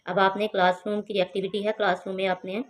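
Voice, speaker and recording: A woman talks through a beginner English exercise the way a patient home tutor would. She slows right down to read each English line and spells words out one letter at a time. Her pitch sits in a plain middle range. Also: little pitch movement, rough recording. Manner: spells out words letter by letter and translates every phrase; reads English lines slowly and carefully. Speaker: teacher.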